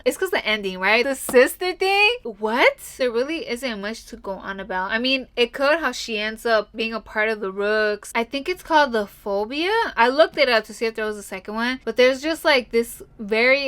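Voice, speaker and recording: A young woman chatting casually to camera about books she has read, excitable and slangy, saying "dude" often. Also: a little high. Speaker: book vlogger.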